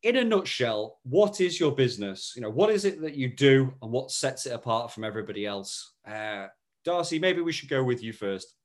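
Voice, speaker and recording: A man hosting a business podcast, reading an upbeat intro and then leading the interview with lively, promotional enthusiasm. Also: medium pitch, normal speed. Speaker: podcast host.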